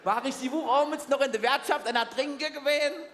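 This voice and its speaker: High-voiced stammering Saarland carnival comedian. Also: male voice, brisk, a bit bright. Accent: Saarland German. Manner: comic stammering on first words. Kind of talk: stage comedy monologue. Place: large carnival hall with audience. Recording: long hall reverb.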